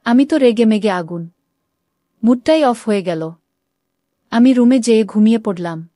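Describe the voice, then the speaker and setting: A woman narrates a first-person story at a steady storytelling pace. Her tone is mellow and warm, and the recording is dry with no room sound. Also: on the high side, moderate pace, no room sound. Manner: reads all characters in her own voice with small shifts.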